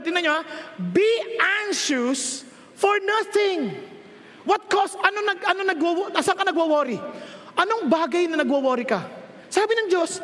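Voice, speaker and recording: A man's voice: extremely high pitch, fairly bright tone. A middle-aged man preaching a sermon with a Filipino accent, switching between Tagalog and English and acting out the people he quotes. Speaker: pastor. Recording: long hall reverb.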